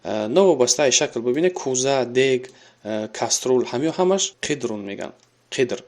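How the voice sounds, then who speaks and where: A man teaching a recorded Arabic grammar lesson. He reads example sentences slowly and then explains them at length, with fillers. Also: medium pitch, animated. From Tajikistan.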